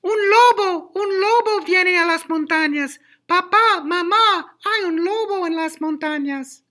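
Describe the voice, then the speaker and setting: A man voicing a mischievous young shepherd boy who yells in a shrill, high voice from a distance. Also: takes it slowly, exaggerated voice. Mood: shouting alarm.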